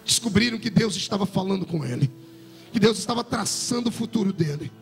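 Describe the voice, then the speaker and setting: A male pastor preaching a fiery sermon, building into shouts and sing-song cries. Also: high-pitched, lively intonation, fairly quick, gravelly. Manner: impassioned preaching, swelling into shouts and near-singing. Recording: music under a long hall reverb.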